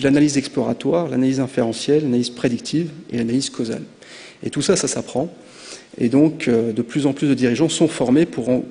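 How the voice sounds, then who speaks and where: A man's voice: mid-range voice, warm tone. A man from France giving a conference presentation, hesitant with frequent filler sounds. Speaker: conference speaker. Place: conference hall. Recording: long reverb of a hall.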